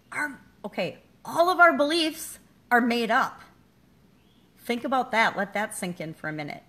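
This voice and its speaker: A middle-aged woman, a business coach and vlogger, gives her viewers a casual, candid motivational talk to camera, poking fun at herself along the way. Her voice is mid-range and a bit bright.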